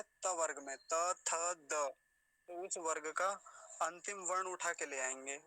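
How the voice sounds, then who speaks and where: A man teaching Sanskrit pronunciation, sounding out words slowly syllable by syllable. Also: fairly high pitch, pushed and bright, rough recording. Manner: slow syllable-by-syllable demonstration. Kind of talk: recitation lesson.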